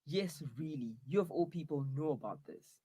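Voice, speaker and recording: A man's voice: on the high side, animated, moderate pace, mellow, slightly rough. A man playing a young man trapped in his girlfriend's body, whiny and prone to dramatic outbursts, in a comic audio drama. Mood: grumbling.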